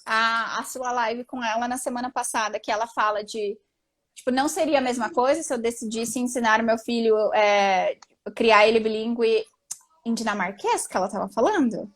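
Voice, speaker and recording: A woman's voice: on the high side, moderate pace. A woman in her thirties, co-hosting a live stream in casual chat, talking in a chatty, emphatic way. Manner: chatty, emphatic, says "tipo" and "entendeu" a lot.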